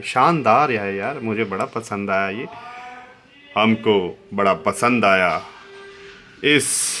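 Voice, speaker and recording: A man running an antique shop, giving a casual, joking demo of an old tape recorder. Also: on the low side. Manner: chatty and jokey, mixing Hindi and English asides; talks softly so someone outside won't hear. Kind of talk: casual product demo vlog. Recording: noisy room recording.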